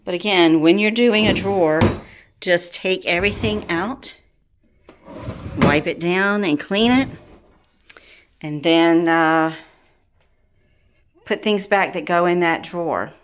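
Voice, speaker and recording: A woman with a somewhat low voice talks casually to viewers from her bedroom at home. She rambles warmly with many ums and uhs, urging people on, and sounds slightly out of breath. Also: takes it slowly, pauses often, noisy background. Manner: chatty, filler-heavy, encouraging. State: slightly winded. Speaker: vlogger. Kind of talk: casual home vlog walkthrough.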